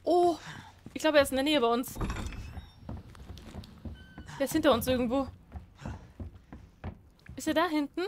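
A woman's voice: high voice, unhurried, long pauses, slight background noise. A young woman commenting on a horror game, chatty and jumpy, talking to herself and the characters. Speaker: let's play gamer.

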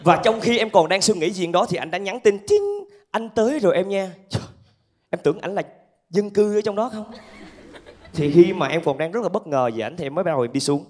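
High-voiced southern Vietnamese male stand-up comic. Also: a little fast. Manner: animated storytelling with acted-out asides. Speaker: stand-up comedian. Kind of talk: stand-up comedy storytelling to a live audience. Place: theatre stage with laughing audience. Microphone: handheld microphone.

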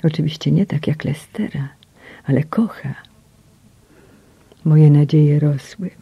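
Woman audiobook narrator, breathy and hushed, emotional first-person read, dry slightly muffled sound. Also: low-pitched, slow pace, no room sound. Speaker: audiobook reader.

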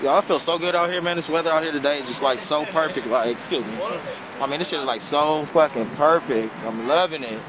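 A man's voice: fairly high pitch, fast. Young guy vlogging at a swap meet, joking and cussing, busy crowd all around. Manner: loose, joking, profane banter. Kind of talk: casual vlog chat. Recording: crowd noise outdoors.

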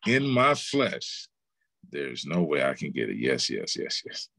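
A man's voice: huge pitch swings, measured pace, vocal fry, fairly bright tone, dry recording. A man pastor teaching a Bible study in a conversational preaching style, acting out what God might say back to him. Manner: conversational preaching, acting out God's replies in a low voice.

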